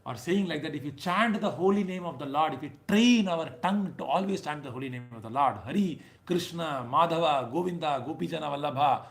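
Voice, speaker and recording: A man's voice: on the high side, animated, brisk, few pauses. A man in his thirties with a South Indian accent, giving an informal, conversational sermon as a spiritual teacher, emphatic and checking in with his listeners. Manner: conversational, emphatic, often ending phrases with a checking "right?". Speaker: spiritual teacher leading a scripture class. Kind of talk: informal sermon with anecdotes and chanted verses.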